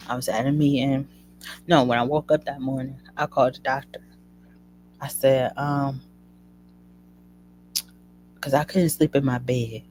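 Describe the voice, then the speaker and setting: A woman's voice: a bass voice, a little mellow, slight background noise, low-quality recording. A woman hosting a show who tells a personal story in a casual, chatty way and keeps addressing her listeners as "y'all.". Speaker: host.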